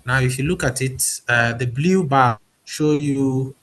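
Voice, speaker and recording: A man's voice: medium pitch, unhurried, fairly bright tone. A man giving a hesitant online presentation over a video call. His audio is choppy and keeps breaking up, and he often repeats and corrects himself.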